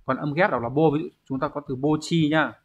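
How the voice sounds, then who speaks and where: On a dull, lo-fi recording, a man with a slightly high, steady voice talks fast through an online exam review lesson. The Japanese teacher walks students through it step by step, checking in with them often.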